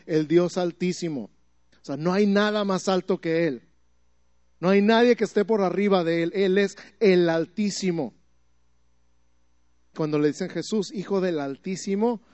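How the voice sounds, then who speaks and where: A man's voice: high-pitched, darkish tone, no echo. A man preaching a sermon in a teaching manner, asking the listeners questions and building up emphatic repeated phrases. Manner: rises to emphatic repetition.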